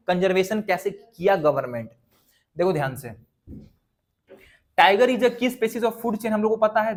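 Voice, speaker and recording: A man teaches an exam revision lesson. His voice sits fairly high for a man. He drills the class by repeating lists aloud and quizzing them as he goes.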